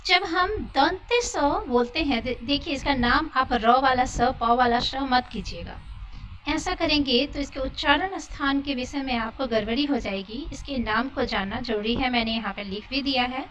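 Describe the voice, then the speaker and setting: A woman's voice: sits high, moderate pace, a bit bright, distant mic, muffled recording. A woman teaching a Hindi lesson, patiently demonstrating and repeating sounds. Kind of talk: explanatory lesson.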